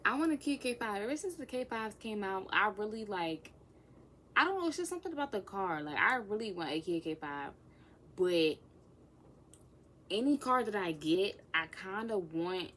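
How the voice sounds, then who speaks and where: A sassy twenty-year-old woman talks to camera in a casual get-to-know-me vlog. She teases her viewers, drops into hushed whispered asides, and speaks at a middling pitch over a faint background hiss. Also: animated, normal speed. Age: 20s. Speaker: vlogger.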